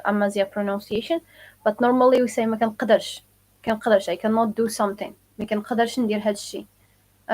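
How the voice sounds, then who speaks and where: Lady doing a live language lesson, kinda high voice, says words over and over for viewers. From Morocco. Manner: casual, repeats phrases slowly for learners; answers viewer questions. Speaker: Moroccan Arabic teacher.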